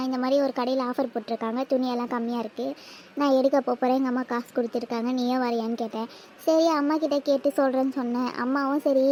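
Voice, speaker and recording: A woman voicing a calm, tired teenage village girl in a cartoon, who explains things softly and patiently. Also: sits high, slight background noise, natural voice. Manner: soft, slow, explaining patiently. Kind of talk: cartoon voice acting.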